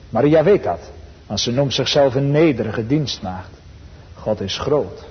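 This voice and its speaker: A man preaching a sermon to his congregation, earnest and emphatic, slowing for quotations and rising in fervor. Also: mid-range voice. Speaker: pastor. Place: church. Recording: dull sound with long church reverb.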